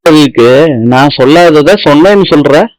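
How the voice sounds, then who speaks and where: A man's voice: fairly high pitch, moderate pace, no echo, close to an everyday voice, low-quality recording. A man reading the lines of a defensive middle-aged tailor, in his own plain voice.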